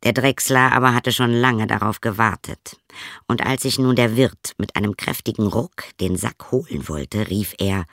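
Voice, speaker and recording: A man reading a fairy tale aloud with expressive, vivid storytelling. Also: on the low side, normal speed, gravelly, dry recording, clean studio sound. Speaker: narrator.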